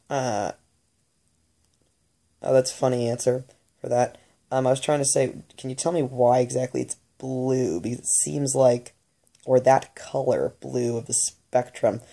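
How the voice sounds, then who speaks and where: A woman muses aloud in an unscripted monologue, her voice mellow and dark. She stops and starts often, filling gaps with ums and restarting her phrases as she works through her thoughts. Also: very deep voice. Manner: halting, with many fillers and restarts. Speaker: channeler recounting spirit messages.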